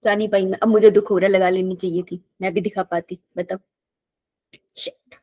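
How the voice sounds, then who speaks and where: A woman's voice: mid-range voice, flat delivery, normal speed, warm tone, no echo. A young woman teaching a live online biology class in a casual, chatty way, telling stories and often laughing.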